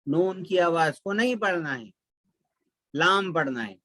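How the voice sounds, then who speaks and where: Male tajweed teacher, high voice, dry close sound, unhurried, repeats each example. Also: expressive, bright, forceful tone, dry recording. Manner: drawls out the Arabic examples syllable by syllable, repeating each. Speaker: Quran recitation teacher. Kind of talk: step-by-step tajweed lesson.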